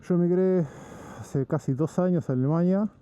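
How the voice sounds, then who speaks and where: A man from Argentina with an Argentine Spanish accent, narrating a casual vlog while driving, in a relaxed, rambling way with frequent restarts. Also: high voice, moderate pace, clear, resonant tone. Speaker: vlogger. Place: in a vehicle on the road.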